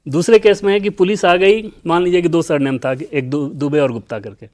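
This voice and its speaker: A man's voice: a little high, a little fast, a little mellow. Male anchor, conversational retelling. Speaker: news anchor. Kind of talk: studio discussion.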